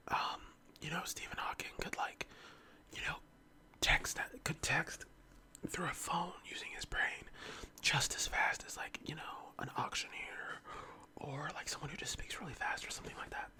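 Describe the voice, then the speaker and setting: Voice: medium pitch, steady tone, normal speed, pushed and bright. An ASMR host of unclear sex whispers close to the mic, as if leaning in, in an informal, meandering casual chat. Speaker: ASMR eating-video host.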